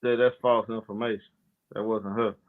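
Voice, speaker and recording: A man's voice: on the low side, level tone, moderate pace, phone-quality sound. A man hosting a casual sports talk live stream, loose and argumentative, talking back to his chat in slang.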